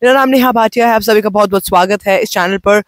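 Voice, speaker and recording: A woman life coach gives a gentle, slow self-help talk, mixing Hindi and English. She is unwell and says her voice sounds off. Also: medium pitch, no echo. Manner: mixes Hindi and English, speaks slowly and gently. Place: outdoors on location.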